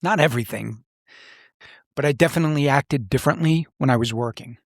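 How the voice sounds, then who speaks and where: Speaking at a fairly quick clip, a middle-aged man with a medium-pitched voice tells personal stories as a podcast host. He's a former police officer, and his conversational storytelling is serious, plain-spoken and reflective. The studio sound is clean and dry.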